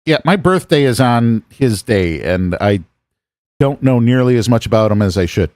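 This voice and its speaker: Man from the US, casual streamer chat, rambling, lively pitch, dry close sound. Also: normal speed, no echo. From United States. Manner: rambling, musing aloud while playing.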